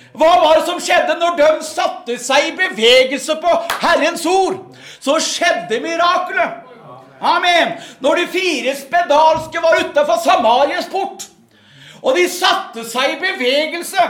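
A man's voice: extremely high pitch, fairly bright tone. A man preaching a revival sermon and testimony, fervent, repeating words and punctuating with amen.

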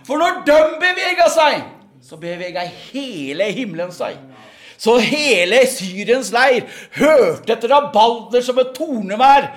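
High-voiced fervent preacher man. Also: expressive. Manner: fervent, repeats words, punctuates with amen. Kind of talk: revival sermon testimony.

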